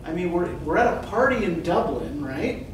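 Very animated, with a voice that sits high and a moderate pace, a middle-aged man teaches literature conversationally, repeatedly checking in with "right?" and questioning his students. The whiteboard classroom is captured by a distant camera at the back, so everything sounds echoey and noisy.

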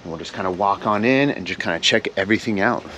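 A man in his thirties, a vlog host with a fairly low voice, talks fast as he leads a casual, upbeat walk-through of a large warehouse, full of enthusiasm. He's on a lapel mic and the recording is very noisy.

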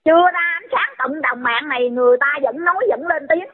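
A woman's voice: high-pitched, brisk. A woman, scolding someone in a heated rant and firing off repeated insulting questions. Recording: tinny phone-line audio.

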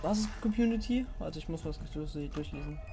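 A young woman streaming a horror game live, chatting with viewers, giggly and excitable, often laughing and shrieking. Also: deep voice, a little fast, music in the background. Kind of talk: live-stream gameplay commentary.

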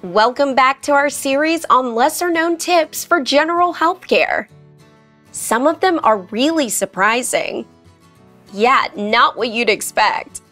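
High-voiced young woman presenting. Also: animated, a little slow, bright, forceful tone, faint music behind. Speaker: host. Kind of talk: scripted presenter talk.

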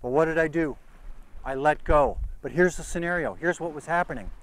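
Middle-aged guy on a boat deck explaining safety gear, kinda high voice, earnest and emphatic. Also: poor audio. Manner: earnest, deliberate, emphatic, demonstrates gear with his hands. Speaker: sailing instructor. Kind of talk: on-camera safety instruction. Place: deck of a sailboat at sea, outdoors.

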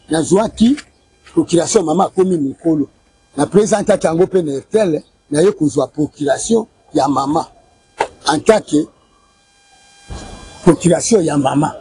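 A Congolese man in his forties, his voice on the high side, warm and a bit breathy, speaks at a moderate pace with no room sound. Interviewed on a lapel mic in an outdoor courtyard by a building, he insistently recounts a family money dispute, repeating dates and sums and waving documents.

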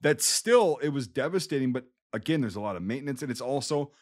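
Male podcast co-host, Wisconsin accent, mid-pitched voice, emphatic, sweary explainer in casual history chat. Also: expressive, fast talker. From Wisconsin, USA. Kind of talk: casual war history discussion.

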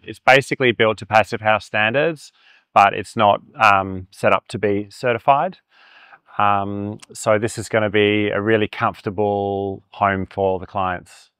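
A man's voice: lowish voice, a bit bright. An enthusiastic Australian architect in his forties, walking through a house with a clip-on mic and talking casually with plenty of fillers. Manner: enthusiastic, upbeat, with frequent fillers. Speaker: architect giving a house tour. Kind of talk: casual walkthrough narration. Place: inside and around a large suburban house.

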